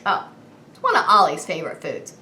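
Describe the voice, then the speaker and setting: This children's show host's birthday greeting is exaggerated and sing-song, and she asks questions, then carries on as if the child had answered. Her lowish voice swings hugely in pitch and sounds pushed and bright, running a little fast. The room is echoey, with faint background noise.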